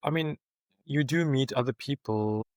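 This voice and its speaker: A man from South Africa with a South African accent, a guest in a casual interview, telling lively anecdotes and laughing often. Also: medium pitch, unhurried, dry recording.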